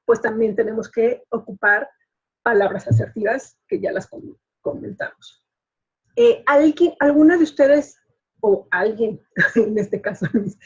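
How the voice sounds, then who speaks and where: A woman's voice: fairly high pitch, slightly rough. A woman, a coach hosting a show, explaining in a chatty way with many fillers. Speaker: life coach and show host. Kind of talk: casual explanatory talk. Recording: dull lo-fi recording.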